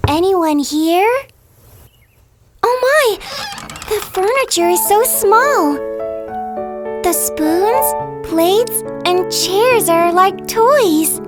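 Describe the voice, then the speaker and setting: A woman voicing a gentle young princess who speaks politely and wide-eyed. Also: very high-pitched, heavily acted.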